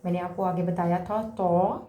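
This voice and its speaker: A woman's voice: fairly low pitch, fairly even intonation, reverberant, a little hiss or hum. A woman teaching children to pronounce the Arabic letters for Quran reading, patiently repeating each sound and drawing it out. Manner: drawn-out sounding of letters, louder on the examples. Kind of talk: slow spoken lesson for children.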